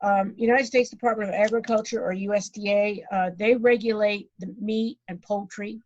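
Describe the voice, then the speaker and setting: A woman with a Boston accent giving an online presentation, rushing ahead with many fillers and restarts. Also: mid-range voice, steady tone. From Boston, Massachusetts. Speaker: guest speaker. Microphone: video call. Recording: dull lo-fi video call audio.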